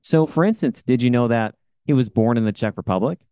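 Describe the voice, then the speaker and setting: A man's voice: mid-range voice, fairly quick, mellow, clear, resonant tone, no room sound, studio quality. A man hosting a podcast who opens the show with eager, upbeat energy and then asks interview questions. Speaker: podcast host.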